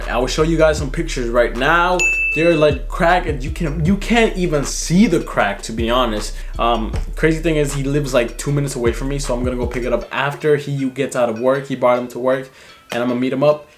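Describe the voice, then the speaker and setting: A young man excitedly talking through his car build in a casual vlog, rambling and swearing often. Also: mid-range voice. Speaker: car vlogger.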